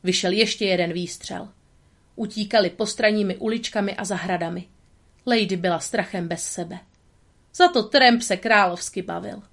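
A woman narrating a children's storybook aloud in a calm, steady reading voice. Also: medium pitch.

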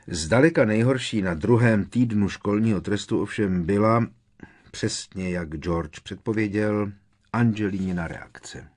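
A male narrator reads a novel aloud in a measured, expressive way. His voice is very low, with a husky, slightly rough texture. The telling is steady and engaged. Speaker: audiobook narrator. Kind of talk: audiobook narration.

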